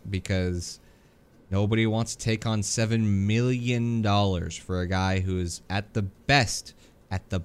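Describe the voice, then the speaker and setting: A man co-hosting a casual hockey podcast, talking in an animated, exasperated way. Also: on the low side, clean tone. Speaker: podcast co-host. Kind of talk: casual sports chat.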